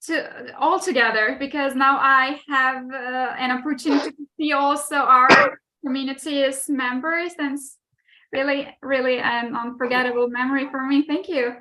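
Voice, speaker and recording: A woman co-hosts a live English class over a video call, and her voice sits high and bright. She talks gratefully and hesitantly, pausing as she searches for words. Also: steady tone. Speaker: English teacher, co-host. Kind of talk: live online class hosting.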